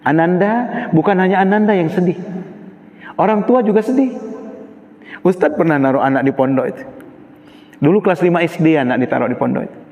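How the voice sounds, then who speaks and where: A man's voice: a little high, fairly quick, long pauses. A middle-aged man preaching a sermon to students, telling emotional personal stories and acting out the voices he quotes. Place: large mosque hall. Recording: echoey mosque hall, muffled recording.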